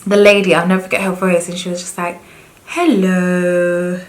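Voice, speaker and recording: A woman's voice: lowish voice, level tone, very fast, rough recording. A young woman talking candidly and earnestly to camera in a personal confessional vlog. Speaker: vlogger.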